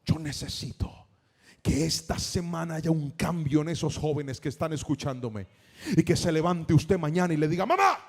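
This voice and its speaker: A man's voice: on the high side, fairly even intonation, moderate pace, a little mellow. A man, a pastor preaching a sermon in a church, telling stories and calling on the congregation to answer. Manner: storytelling preacher, emphatic with call-and-response.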